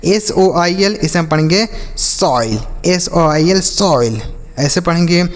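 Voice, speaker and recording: A man's voice: high voice, expressive, slow. A man gives a classroom-style phonics lesson. He asks short quiz questions and repeats the answers for emphasis. His voice carries a long reverb tail. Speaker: English teacher.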